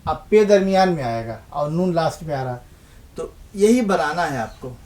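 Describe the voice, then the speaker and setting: A man's voice: on the high side, animated, a little mellow, a little hiss or hum. A man teaching the Urdu script in a lesson, patiently asking questions and answering them himself, repeating points for emphasis. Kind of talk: televised language lesson.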